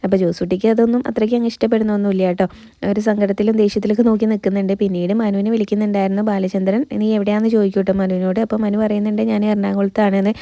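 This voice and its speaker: Malayali woman, casual serial recapper; quick, level delivery, very mellow tone, dry close mic. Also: mid-range voice, no echo. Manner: retells scenes, quoting characters, frequent "ട്ടോ" tags and "ഏഹ്" fillers.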